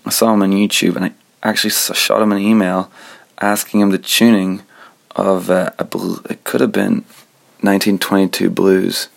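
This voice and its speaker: A young male radio host from Scotland with a gravelly voice that sits a little low. He talks in a relaxed, conversational way, as if thinking aloud while he introduces the next song. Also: moderate pace. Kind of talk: casual radio presenting.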